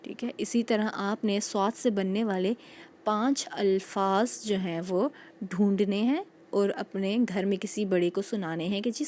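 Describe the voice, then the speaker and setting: A woman teacher giving a patient recorded phonics lesson to young children, repeating each sound slowly and checking in with them often. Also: medium pitch, a little mellow, a little hiss or hum. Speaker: school teacher.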